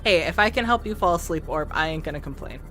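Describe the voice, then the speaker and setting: With game music in the background, a woman chats away to her viewers and to herself during a live playthrough. She talks fast in a low, expressive voice with a sharp edge.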